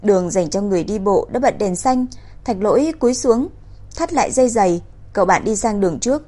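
A woman reading a crime novel aloud in an even, steady storytelling voice. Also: mid-range voice, fairly quick. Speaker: narrator. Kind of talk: audiobook narration.

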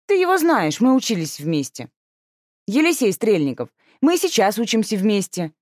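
A woman's voice: medium pitch, very animated, moderate pace, a little mellow, no room sound, studio quality, voice pushed up. Woman playing an exasperated older sister. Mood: firm. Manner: stern, scolding.

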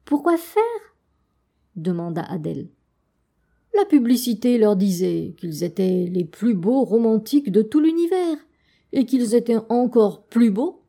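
Une conteuse lit une histoire pour enfants avec douceur et expressivité, en glissant parfois vers le murmure. Sa voix est assez aiguë et chaude, et son débit très lent. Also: female voice, on the high side. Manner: slow, soft, expressive. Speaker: storyteller. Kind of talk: reading a children's tale.

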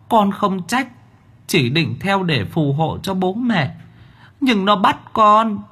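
A man voicing a frightened child demon spirit that begs for mercy in a high, thin, wailing voice, in an audiobook. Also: fairly bright tone, husky, exaggerated voice.

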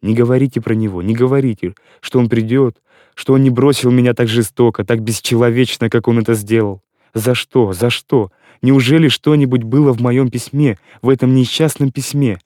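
A man's voice: mid-range voice, steady tone, normal speed, mellow, dry recording, studio quality, natural voice. A man reading an audiobook voices a heartbroken young girl who pleads and protests through tears. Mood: distraught pleading. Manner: distraught, breathless pleading.

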